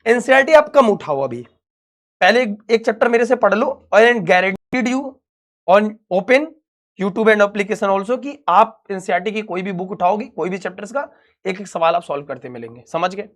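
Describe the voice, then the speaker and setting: A man's voice: sits high, animated, moderate pace. A young man, teaching an online physics class in a chatty, reassuring way and calling the students his dear children.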